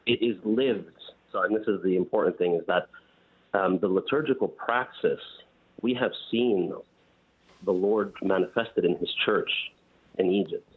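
A man calling in to a show, talking in an earnest, steady way with occasional fillers. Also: low voice, measured pace, slightly rough. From United States. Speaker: caller. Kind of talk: call-in show comment. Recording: tinny phone line.

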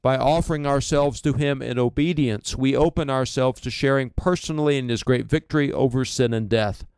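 A man giving a homily as a priest, speaking in a solemn, measured way. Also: mid-range voice, darkish tone, clean tone, dry recording.

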